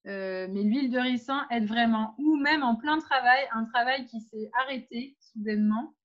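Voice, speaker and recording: Higher-voiced woman giving a lo-fi workshop. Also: normal speed. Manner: practical, instructive, addresses listeners directly with many hesitations. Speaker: workshop leader on pregnancy and birth. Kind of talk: informal spoken workshop. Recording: dull lo-fi sound.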